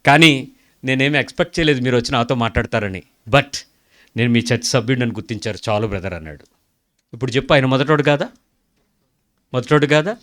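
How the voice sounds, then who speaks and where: Bright-voiced emphatic male preacher. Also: medium pitch, fast, pauses often. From India. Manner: emphatic, rhetorical questions, acting out prayers and dialogue. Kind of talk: sermon.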